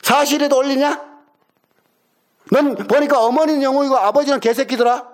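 A man's voice: very high voice, normal speed. A man arguing on a call, aggressive, swearing and hectoring the other person. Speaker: caller in a heated argument. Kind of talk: angry phone argument.

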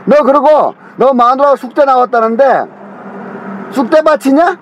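An angry middle-aged wife, shrill and reproachful, scolding hard and nagging without pause, as her husband mimics her on the phone. Her voice is pushed up high, and it comes through a dull, muffled phone line. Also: a little hiss or hum.

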